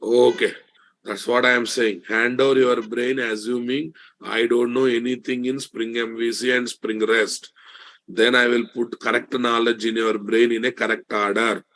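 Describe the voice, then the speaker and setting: A man's voice: medium pitch, little pitch movement, normal speed, fairly bright tone. A man with a Telugu Indian accent lecturing live online as a programming instructor, repeating statements emphatically and checking in with rhetorical questions.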